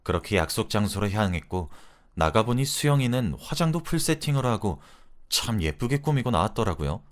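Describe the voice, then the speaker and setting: Man telling an indignant story, lively pitch. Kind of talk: radio drama narration of a first-person story.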